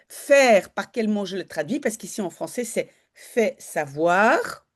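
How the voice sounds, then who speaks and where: A woman teaching Dutch, talking learners through a news article in a chatty way, with many fillers and self-corrections. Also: mid-range voice.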